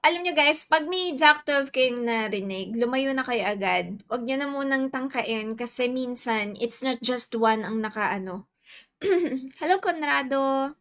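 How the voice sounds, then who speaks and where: A Filipino woman in her forties with a Filipino accent, chatting casually on a livestream and greeting viewers; her voice is soft and quiet, her throat a bit sore. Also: on the high side. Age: 40s. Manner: chatty, mixes Tagalog and English, greets viewers by name. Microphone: earphones with mic.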